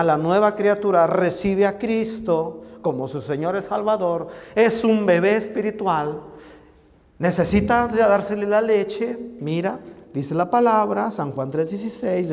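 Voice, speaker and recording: Mexican pastor guy preaching, pretty high voice, big echoey church. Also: darkish tone. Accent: Mexican Spanish. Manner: preaching, addresses the congregation as hermanos. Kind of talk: sermon. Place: church hall. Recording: long church reverb.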